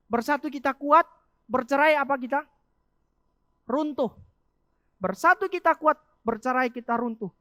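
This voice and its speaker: A woman delivers a youth sermon in a high voice. She preaches in an animated way, asking rhetorical questions and answering them. The sound is dry and close. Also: no room sound. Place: church.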